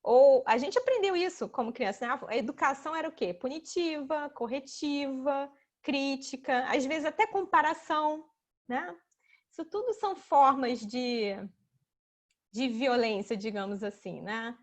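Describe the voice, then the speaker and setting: A woman presents a talk over a video call, her voice sitting high. She explains ideas step by step, checks in often with her listeners and slips into lively voices for examples. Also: measured pace. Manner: explanatory, sprinkles "né?", acts out children and mothers in high voices. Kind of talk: casual online talk with slides.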